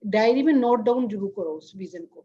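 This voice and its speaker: A woman meditation teacher on an online group call, gently reassuring participants and repeating her phrases. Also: mid-range voice, animated, moderate pace, breathy edge, highs cut off. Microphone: video call.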